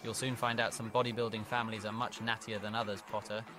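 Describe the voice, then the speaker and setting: An actor playing a sneering, snobbish teenage wizard bully in a fantasy film parody. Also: male voice, fairly low pitch, flat delivery, fast talker, loud music behind the voice, lightly acted. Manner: contemptuous.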